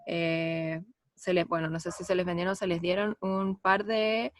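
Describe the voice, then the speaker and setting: A young female student offers an informal comment in class. Her voice sits a little low, and the sound is dry, with no room echo. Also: flat delivery, moderate pace.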